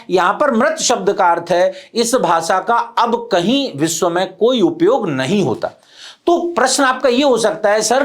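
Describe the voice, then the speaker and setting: A male botany teacher lectures with a lively, rising-and-falling voice that lands on key terms. He walks through each rule step by step and keeps urging students to listen carefully. He poses his own questions and then answers them. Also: sits high. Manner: explains step by step, repeating terms in Hindi and English. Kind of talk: classroom lecture.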